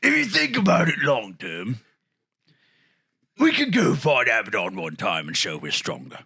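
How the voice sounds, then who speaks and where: A man voicing a boastful male ork warrior who is always spoiling for a fight, in a gravelly, brash and loud manner, in an improvised in-character debate. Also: medium pitch, wildly swooping pitch, unhurried, pitched below the performer's own voice, exaggerated voice. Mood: scheming. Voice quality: gravelly, growling.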